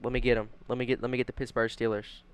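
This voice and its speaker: A man gives short, emphatic sports picks on a casual podcast. His mid-pitched voice sounds smooth and clear. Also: little pitch movement, racing.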